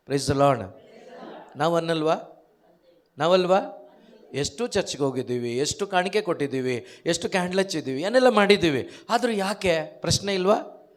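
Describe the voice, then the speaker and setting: A man preaching an emphatic sermon, firing off rhetorical questions and calling out hallelujahs. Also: high voice.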